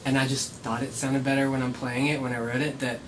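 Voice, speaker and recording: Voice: medium pitch, level tone, fast talker, far from the mic. A songwriter in a band chatting casually, laughing as they speak and using fillers. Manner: laughs while talking, fillers like "like". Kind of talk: casual interview chat. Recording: off-mic voice with clear background hiss.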